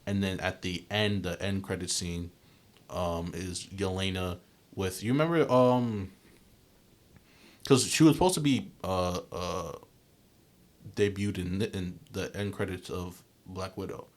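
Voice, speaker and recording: Low-voiced young man rambling on a podcast. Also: steady tone, measured pace. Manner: rambling, filler-heavy, lots of restarts. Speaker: podcast co-host. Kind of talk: casual chat.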